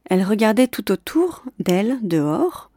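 A woman narrating a children's storybook in a steady, clear reading voice. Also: mid-range voice, a little slow, dry recording, studio quality.

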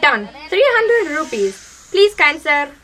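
A woman playing a pushy, flattering Indian beach seller with an Indian accent and wheedling sales patter, in a comedy drama. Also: high voice, slow, heavily acted. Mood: haggling.

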